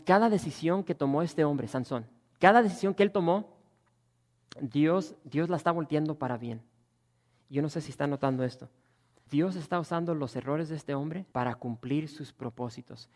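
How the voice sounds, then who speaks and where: Emphatic male preacher in a reverberant hall. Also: fairly high pitch. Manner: preaching with rising emphatic bursts and dropping to quiet asides. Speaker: pastor. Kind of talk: sermon.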